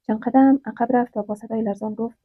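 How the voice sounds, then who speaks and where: A woman narrating a dramatic story in a steady storytelling manner. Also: on the high side, slightly rough, dry recording. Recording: dry, tinny phone-like sound.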